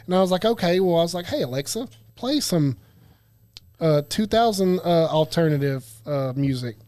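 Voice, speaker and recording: A man with a high voice co-hosts a casual studio chat. He rambles from story to story, jokes a lot and laughs easily. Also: mellow. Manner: rambling, jokey, quick to laugh. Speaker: podcast co-host.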